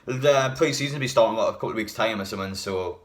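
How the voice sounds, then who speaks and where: A man's voice: on the low side, fast. A man, a bit hungover, giving a casual, blunt and rambling opinionated talk as a football fan video host.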